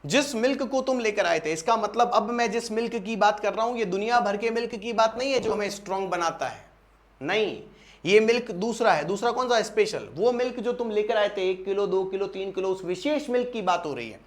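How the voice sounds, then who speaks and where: A young man with an Indian accent teaches an English grammar lesson for exam students. His voice sits high for a man. He drills each rule by repeating it and firing rhetorical questions at the class. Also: animated, brisk.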